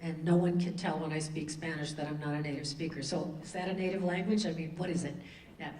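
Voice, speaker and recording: A woman's voice: sits low, steady tone, quick pace, darkish tone, distant mic, a little hiss or hum. A woman moderating a panel discussion, conversational and prompting the speakers. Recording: echoey hall, voice from afar.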